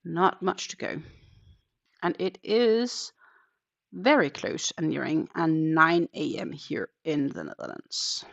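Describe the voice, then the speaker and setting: Broadcasting from her Dutch home, this crochet channel host is a Danish native in her thirties who chats casually and counts stitches out loud. She speaks slowly in a low, expressive voice with vocal fry, captured in dull, lo-fi stream audio.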